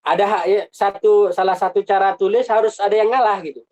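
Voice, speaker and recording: A man with a slightly higher voice teaches a Quran recitation class over a video call. He explains patiently, repeats his points and poses rhetorical questions that he then answers himself. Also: fairly even intonation, a little fast, darkish tone, low-quality recording.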